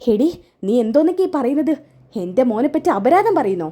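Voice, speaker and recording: A woman's voice: sits high, very animated, brisk, mellow. A woman voicing a defensive middle-aged mother-in-law who scolds. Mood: worried, scolding.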